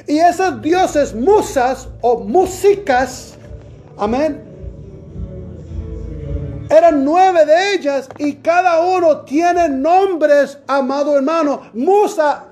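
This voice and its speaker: A male preacher leading a Bible study sermon, constantly asking the congregation questions and saying amen, reading scripture slowly and deliberately. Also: very high voice, a little mellow, faint music behind.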